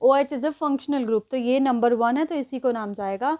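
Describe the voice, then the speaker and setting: High-voiced woman teaching chemistry. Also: a little slow, a little mellow. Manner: explains step by step, counts positions aloud, often checks with "ठीक है". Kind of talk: exam-prep lesson at a board.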